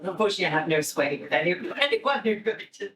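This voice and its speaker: An Irish woman with a lowish, sing-song, slightly bright voice speaks quickly, informally and enthusiastically as a guest speaker in conversation with an indoor audience. The room is echoey and the microphone distant.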